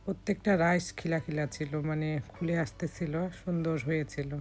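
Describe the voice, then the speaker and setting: Low hoarse woman narrating a recipe. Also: fairly quick. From Bangladesh. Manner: calm step-by-step instructions. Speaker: cooking vlogger.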